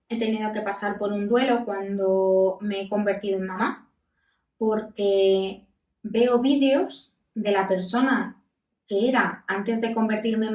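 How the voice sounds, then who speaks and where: Candid woman psychologist in echoey room. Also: mid-range voice. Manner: calm, candid, with many pauses. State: voice breaking with emotion. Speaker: psychologist and podcast host. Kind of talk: reflective self-help talk. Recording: roomy echo, mic at a distance.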